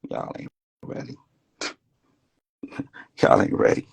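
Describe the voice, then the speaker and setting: A man's voice: takes it slowly, no echo. A man giving a rambling, preachy casual monologue, now and then dropping to a whisper.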